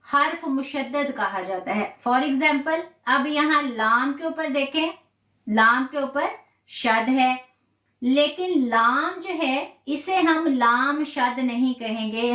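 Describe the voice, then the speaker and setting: Woman teacher, slow and patient, slightly high voice, echoey room. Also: a bit bright. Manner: patient, repeats terms and asks herself questions. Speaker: Quran recitation teacher. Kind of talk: slow step-by-step tajweed lesson. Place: live stream from a room.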